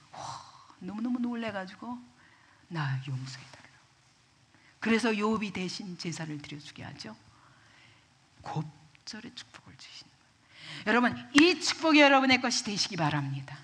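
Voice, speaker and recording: Husky, dramatic woman preaching. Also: mid-range voice. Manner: dramatic, acts out quoted voices, shifts between loud outbursts and hushed whispers. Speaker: pastor. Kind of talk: sermon. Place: church retreat hall.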